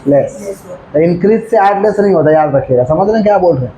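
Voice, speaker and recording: A male commerce teacher giving a classroom lecture, asking the class again and again if they follow, and slowing right down to dictate. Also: sits high, expressive, mellow, a little hiss or hum, rough recording. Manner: repeatedly checks understanding with questions; dictates slowly, then rattles off explanations.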